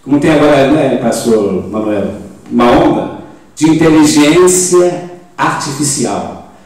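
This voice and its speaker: Elderly Brazilian pastor preaching in an echoing hall. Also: male voice, on the high side, lively intonation, a little slow. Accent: Brazilian Portuguese. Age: 70s. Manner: emphatic preaching with sudden loud rises and rhetorical questions. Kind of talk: sermon. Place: church in Portugal. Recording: very echoey church hall, mic at a distance.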